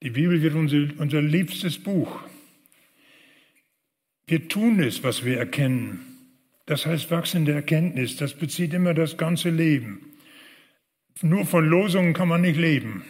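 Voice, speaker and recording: A man preaching a sermon, earnest, rising loud on key phrases and dropping soft and low on prayers. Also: expressive, measured pace, pauses often, big-room sound.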